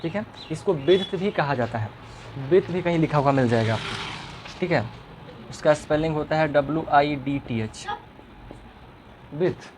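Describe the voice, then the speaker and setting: A man's voice: on the high side, moderate pace, noisy background. A male schoolteacher, teaching a classroom lesson and teasing and quizzing his pupils.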